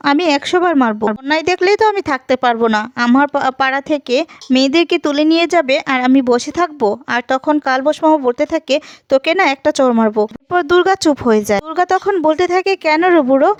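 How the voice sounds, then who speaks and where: A woman with a high voice casually retells a serial's plot scene by scene, voicing each character's lines herself. The sound is dry and close, with no room around her. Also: animated, fast talker, no echo, dull audio.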